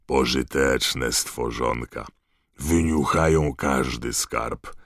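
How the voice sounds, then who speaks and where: A man doing a slow, booming hearty gamekeeper. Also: dry recording, studio quality, heavily acted. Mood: cheerful. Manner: slow, loud, drawn-out delivery.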